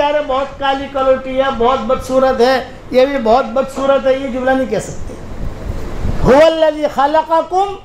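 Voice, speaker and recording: Man, preacher, high voice, conversational storytelling sermon, repeats phrases, echoey recording. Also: a little hiss or hum. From India.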